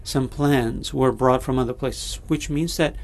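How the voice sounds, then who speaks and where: Slow gravelly-voiced man preaching. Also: mid-range voice, fairly even intonation. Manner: halting, many fillers and restarts, slow and deliberate. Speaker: pastor. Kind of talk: sermon.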